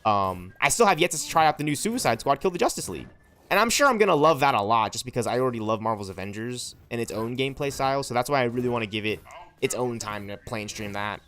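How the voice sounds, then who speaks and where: Animated and fast-talking, this twenty-something man has a mid-range, fairly bright voice. During a game livestream he rambles passionately to his viewers, ending lines with "right?" and "you know what I'm saying?".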